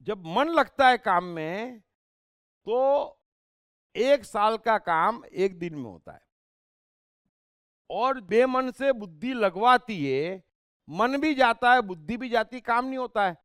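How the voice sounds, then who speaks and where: A man, a spiritual speaker and life coach, gives an emphatic discourse full of rhetorical questions and sharp asides. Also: very high voice, clear, resonant tone, dry recording, studio quality.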